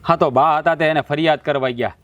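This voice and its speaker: A man's voice: on the high side, fairly even intonation, fairly quick, fairly bright tone, dry recording, highs cut off, lightly acted. A man playing a hot-tempered village brother. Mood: furious. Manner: angry, heated. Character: hot-tempered young village man protecting his sister. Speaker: protective brother. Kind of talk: village family drama.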